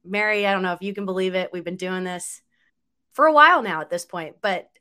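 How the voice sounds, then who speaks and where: A woman's voice: lowish voice, a little fast, pushed and bright. A woman co-hosting a podcast, friendly and a little self-deprecating in casual chat. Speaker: podcast co-host.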